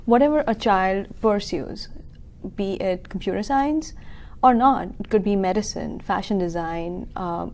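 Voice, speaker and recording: An earnest woman in her thirties who grew up in Kuwait, talking through her coding school for a local TV business interview. She explains things carefully with plenty of "uh" and "you know". Her voice sits at an ordinary middle pitch. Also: measured pace, darkish tone. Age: 30s. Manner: many fillers, earnest and explanatory.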